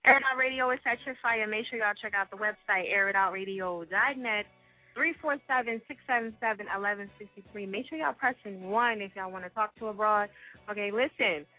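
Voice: medium pitch, fairly quick, soft background music. An internet radio host talking loosely and profanely in slang, taking calls on a phone line. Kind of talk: casual call-in radio talk.

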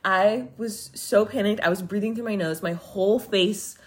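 A woman's voice: mid-range voice, normal speed. A young woman co-hosting a podcast, telling stories in casual chat and laughing often. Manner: chatty storytelling, laughing often. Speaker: podcast co-host.

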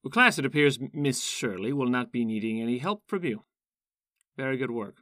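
A woman's voice: very deep voice, lively intonation, moderate pace, a bit bright, no room sound, studio quality. A woman playing a strict male village schoolteacher in a period audio drama, clipped, formal and scolding. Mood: brisk, formal.

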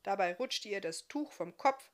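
A woman, an author, reading her own fairy tale aloud in a calm, even storytelling manner. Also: mid-range voice, moderate pace.

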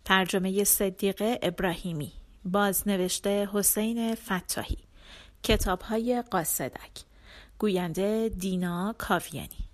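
A woman reading a folk tale aloud as a storyteller, with expressive, animated delivery. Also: mid-range voice. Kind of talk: scripted narration of a folk tale.

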